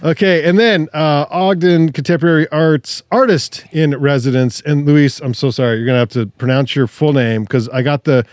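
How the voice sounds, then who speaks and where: Rambling jokey podcast host, dry studio mic. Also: male voice, on the high side, steady tone, moderate pace, few pauses, darkish tone, dry recording. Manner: jokey, rambling, self-correcting. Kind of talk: casual chat.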